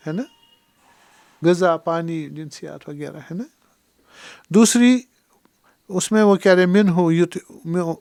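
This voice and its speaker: Higher-pitched male Kashmiri scholar lecturing. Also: a little mellow, dry recording, studio quality. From Pakistan. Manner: explains by asking the audience questions; recites Arabic quotations slowly. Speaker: Islamic scholar. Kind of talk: religious lecture.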